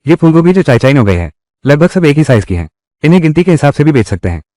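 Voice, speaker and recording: Male dub actor, animated intonation, dry close studio sound. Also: a little high, fast, no room sound. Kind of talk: Hindi drama dub.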